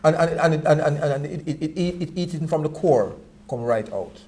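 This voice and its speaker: A man's voice: a little high, lively intonation, moderate pace, warm tone. A man in casual Rastafari reasoning, using Rasta speech and repeating small words before landing each point. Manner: stammering repetition of words before making a point.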